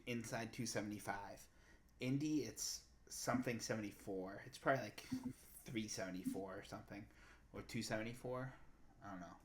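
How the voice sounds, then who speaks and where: A man's voice: medium pitch, a bit bright. A young man co-hosting a podcast, chatting casually and thinking aloud with lots of fillers. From Massachusetts. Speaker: podcast co-host. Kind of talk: casual chat.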